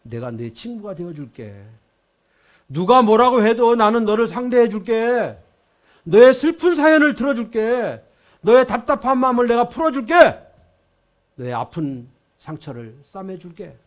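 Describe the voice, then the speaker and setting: An older pastor voicing a gentle, tender male Lord who speaks in a soft, reassuring tone. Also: on the high side, big pitch swings, a little slow, long pauses.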